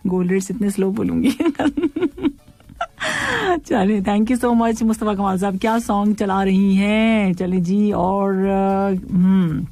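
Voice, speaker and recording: A woman's voice: medium pitch, warm tone, dry recording. A woman hosting an evening radio show, chatting casually, reading listener messages and poetry, and laughing often.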